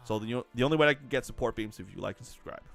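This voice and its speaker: A young man chatting casually on a live stream while gaming, excitable and rambling, laughing often. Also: mid-range voice, fast talker, gravelly, soft background music.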